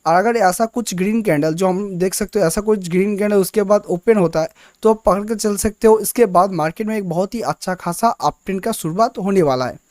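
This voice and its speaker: A man's voice: high-pitched, a little fast, hardly any pauses, a little mellow, dry recording, clean studio sound. A man teaching candlestick chart patterns in a casual lesson, explaining step by step and often repeating and restarting words. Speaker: trading teacher.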